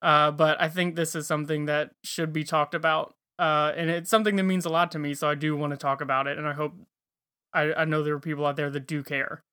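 Game podcast cohost, smooth clear voice, gushes about games, bit sarcastic. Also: medium pitch, little pitch movement, brisk, bright, forceful tone. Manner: enthusiastic, fond, a bit sarcastic. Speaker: podcast co-host. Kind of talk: casual gaming podcast chat.

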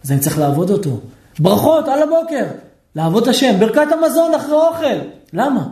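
A man, a rabbi, teaching a lively Torah lesson, questioning his listeners and acting out shouting people. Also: extremely high pitch, reverberant. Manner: animated, asks the audience questions, acts out shouting people.

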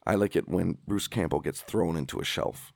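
A man with a low, gravelly voice co-hosts a horror podcast, playful and sarcastic as he gushes about favorite films. The sound is dry and close, with no room around it. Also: normal speed, a little mellow, no echo. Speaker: podcast co-host. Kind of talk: casual chat.

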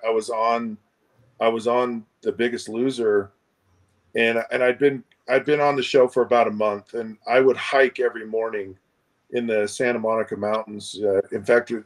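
A man as a guest, telling a personal story in a halting, reflective way over a remote call, often repeating words. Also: medium pitch. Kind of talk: casual storytelling interview. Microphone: remote video call.

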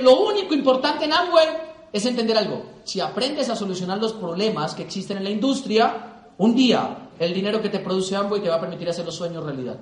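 Animated high-voiced Colombian speaker. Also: male voice, roomy sound. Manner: animated storytelling, acts out dialogue. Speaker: motivational speaker. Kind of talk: motivational talk to an audience.

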